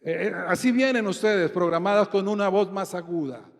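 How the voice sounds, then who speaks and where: A man's voice: high-pitched, normal speed. A man with a Colombian accent preaching a sermon as pastor, often putting questions to the congregation. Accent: Colombian Spanish. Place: church hall. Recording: long hall reverb.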